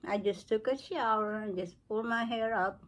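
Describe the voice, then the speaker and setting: A woman in her seventies giving an unscripted beauty tutorial at home, speaking slowly and often searching for words. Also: medium pitch. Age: 70s. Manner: slow, searching for words, non-native phrasing. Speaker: craft and beauty vlogger. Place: cluttered living room at home.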